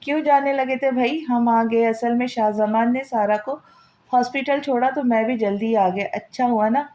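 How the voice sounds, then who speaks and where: A man's voice: very high voice, normal speed, warm tone, highs cut off. A woman voicing a cheerful, courteous young husband.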